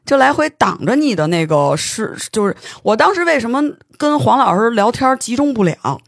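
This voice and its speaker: A podcast host, telling a story in casual studio chat, animated and stumbling over words when excited. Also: mid-range voice, normal speed, vocal fry, no room sound.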